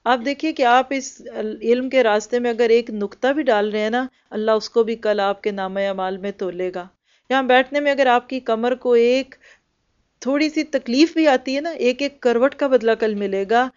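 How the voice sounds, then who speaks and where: A woman gives an earnest, exhorting religious lecture as a Quran teacher. Her voice is smooth, clear and somewhat high. The recording sounds slightly dull and lo-fi. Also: darkish tone. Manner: earnest, exhorting, mixing in English words.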